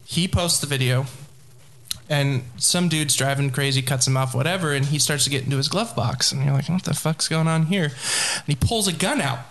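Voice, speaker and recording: A man's voice: mid-range voice, normal speed, a bit bright. A man co-hosting a podcast in casual chat, telling stories in a blunt, emphatic way. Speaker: podcast co-host.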